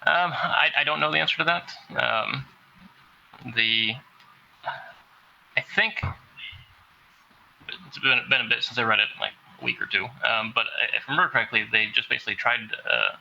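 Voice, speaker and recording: A man's voice: medium pitch, moderate pace, creaky, long pauses, sharp tone, dull audio. A man in a casual science discussion, speaking skeptically with hedges. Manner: skeptical, hedging. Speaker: discussion participant.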